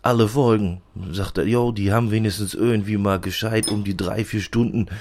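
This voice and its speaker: A man's voice: fairly low pitch, steady tone, a little fast, a little mellow, a little hiss or hum, lightly acted. A man playing a gossipy, grumbling male lab assistant with a Rhineland accent, rambling and fumbling for names in a comic podcast monologue. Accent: Rhineland German. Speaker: podcast character.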